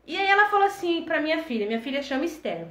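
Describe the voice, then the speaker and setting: A woman in her forties, an entrepreneur hosting a casual storytelling chat, talking in an animated, chatty way and acting out little scenes. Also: high-pitched, fast. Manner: animated, chatty, lively reenactments. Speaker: entrepreneur and host. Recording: echoey room.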